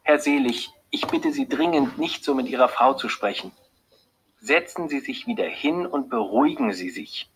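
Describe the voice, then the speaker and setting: A man's voice: mid-range voice, normal speed, a little hiss or hum, pitched above the performer's own voice, lightly acted, low-quality recording. A man voicing a serious female lab doctor. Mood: firm. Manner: calm, earnest, hesitant when giving bad news. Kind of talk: audiobook character voice.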